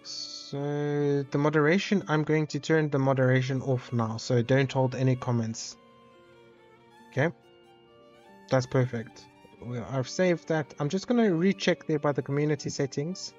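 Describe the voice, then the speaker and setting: A man's voice: a little high, fairly even intonation, a little slow, darkish tone, dull audio, soft background music. A man streaming a game, chatting casually with viewers in a rambling, self-interrupting, playfully dramatic way. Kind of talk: casual live-stream chat while gaming.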